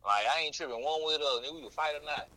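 A man's voice: fairly high pitch, racing, bright, forceful tone, rough recording. A man chatting casually in heavy slang with lots of swearing and teasing. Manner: slangy, profane, playful teasing. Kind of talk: casual chat.

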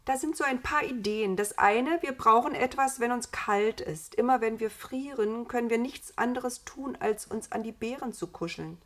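A woman's voice: on the high side, moderate pace, hardly any pauses, pitched above the performer's own voice, lightly acted. A woman voicing Eva, a curious, inventive young woman, in a storybook reading, eager and thoughtful. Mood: musing.

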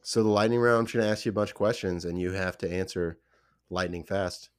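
A man hosting a podcast, relaxed and agreeable, asking questions with plenty of fillers. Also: deep voice, quick pace, clean tone. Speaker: podcast host. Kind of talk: casual podcast interview.

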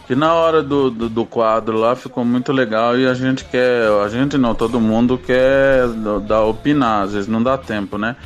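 A man speaking in a phone voice message played on air, explaining in a halting, hesitant way. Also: mid-range voice, fairly even intonation, soft background music. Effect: recorded phone voice message played on air. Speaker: listener sending a voice message. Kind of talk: casual spoken message.

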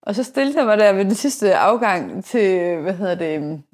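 A woman in her forties hosting a podcast, chatting casually and telling stories in a lively way with many restarts. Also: mid-range voice. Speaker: podcast host. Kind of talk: casual conversation.

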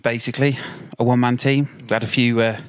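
A man's voice: medium pitch, little pitch movement, quick pace, no echo. A man hosting a casual podcast with friends, delivering a dry, jokey recap. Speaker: podcast host.

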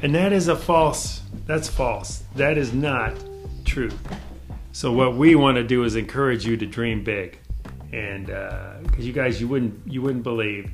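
A man's voice: mid-range voice, a little slow, soft background music. Enthusiastic man hosting an interview. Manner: enthusiastic, encouraging, talks straight to the audience. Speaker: podcast host. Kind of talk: motivational interview intro.

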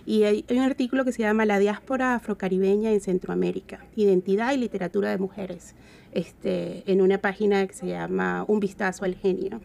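Gravelly Caribbean Venezuelan woman, reflective. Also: medium pitch, steady tone, darkish tone. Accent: Venezuelan Caribbean Spanish. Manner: halting, searching for words. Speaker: interview guest. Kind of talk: reflective conversational interview talk.

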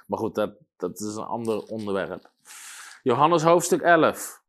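A man's voice: on the low side, very animated. Emphatic preacher man. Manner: emphatic, rising to loud exclamations; reads scripture slowly and deliberately. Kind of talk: sermon.

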